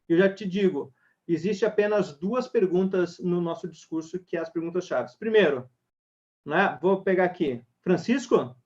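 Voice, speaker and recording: A man's voice: high voice, normal speed, a little mellow. A man leading an online sales webinar, talking energetically straight to the audience. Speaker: sales trainer. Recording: dull lo-fi webinar audio.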